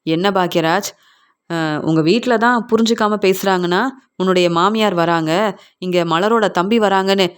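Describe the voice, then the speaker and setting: Smooth-voiced woman retelling a serial. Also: medium pitch, moderate pace. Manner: steady retelling of dialogue, linked by repeated narration phrases. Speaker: serial recap narrator. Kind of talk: retelling a TV serial episode, voicing all parts.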